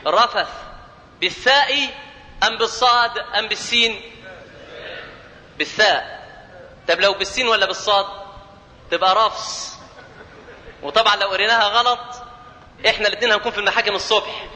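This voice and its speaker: A man with an Egyptian accent preaching a lively, joking sermon, quizzing his audience and chanting scripture. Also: sits high, fast, pauses often. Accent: Egyptian Arabic. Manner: jokey, asks the audience questions, chants scripture. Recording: long hall reverb.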